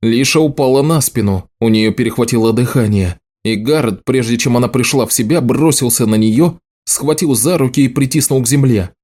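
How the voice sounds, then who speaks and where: A man narrating an audiobook in a steady storytelling delivery. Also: medium pitch, fairly quick, few pauses. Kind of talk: scripted narration.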